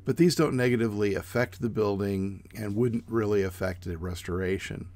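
A middle-aged man giving a measured, plain informative presentation outdoors. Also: fairly low pitch, a little mellow. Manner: measured, plain explanatory delivery. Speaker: student presenter. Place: outdoors in front of a brick building.

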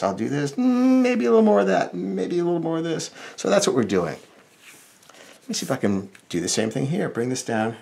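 A middle-aged American cartoonist with a creaky, medium-pitched voice gives a relaxed drawing lesson step by step. He thinks aloud informally while he works.

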